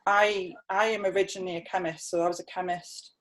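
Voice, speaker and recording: A woman's voice: on the low side, steady tone, fairly quick, a bit bright, rough recording. Hesitant woman winemaker from North East England. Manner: hesitant, many fillers and restarts. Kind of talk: webinar tasting talk.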